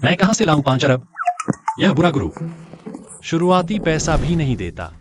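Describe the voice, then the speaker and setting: A man doing a cocky broke hero, jokey and swaggering, lively pitch, light hiss. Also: moderate pace. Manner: cocky and teasing. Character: cocky young man, broke, wisecracking bodyguard. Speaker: brash hero. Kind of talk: dubbed drama acting.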